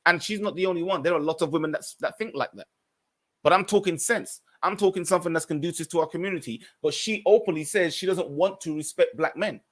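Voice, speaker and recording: Speaking fast in a slightly high voice, a man hosting a podcast reads viewer comments aloud and answers with his own earnest opinions. He occasionally restarts mid-read.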